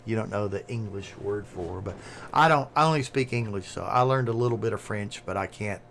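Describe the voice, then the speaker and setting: This is a live streamer from the southern United States, a man with a lowish, creaky, slightly bright voice and a Southern American accent. He talks fast and rambles in casual chat, with slight background noise behind him.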